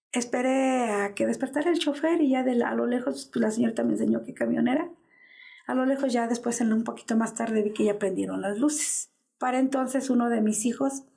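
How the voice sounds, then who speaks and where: A woman in her fifties with a Mexican Spanish accent is interviewed as the mother of a missing man. Her slightly high, gravelly, mellow voice carries an anguished personal testimony in which she acts out the dialogue.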